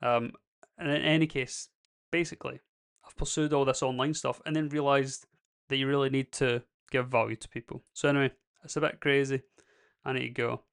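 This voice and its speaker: A man's voice: mid-range voice, flat delivery, fairly quick, vocal fry, a bit bright, smooth. A young man talking casually to camera, rambling with lots of "basically" and "like" fillers. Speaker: creator vlogging. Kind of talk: casual reflective monologue.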